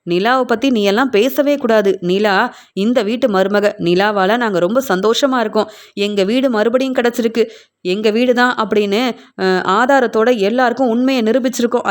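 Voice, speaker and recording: Woman reading a firm, scolding older patriarch, fairly high voice. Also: natural voice. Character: stern older man, head of the family.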